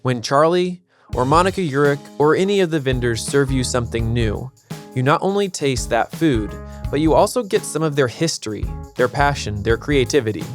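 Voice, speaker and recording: A man narrating a podcast episode in a measured, reflective scripted style. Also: medium pitch, expressive, faint music behind.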